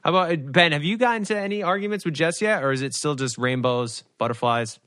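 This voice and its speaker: A man's voice: on the high side, quick pace, fairly bright tone, no echo, clean studio sound. A man co-hosting a casual podcast chat over a video call, rambling and poking fun at himself. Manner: rambling, self-deprecating storyteller. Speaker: podcast co-host.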